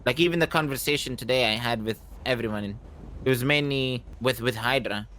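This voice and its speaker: A man in a casual roleplay conversation, speaking reflectively and haltingly, often saying "you know". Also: medium pitch, bright, forceful tone, a little hiss or hum. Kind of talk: in-character gaming roleplay conversation.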